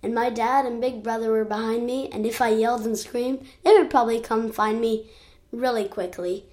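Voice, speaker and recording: Nervously brave eight-year-old, played by a woman, chatty and second-guessing, lightly raised pitch. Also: steady tone, normal speed, darkish tone, lightly acted. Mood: rambling. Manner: chatty, keeps correcting itself. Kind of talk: storybook narration.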